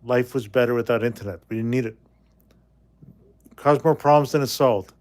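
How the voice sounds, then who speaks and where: Reading viewers' comments aloud in a casual livestream, this blunt, rambling Canadian man in his forties speaks at a moderate pace. His voice sits mid-range with a somewhat dark tone.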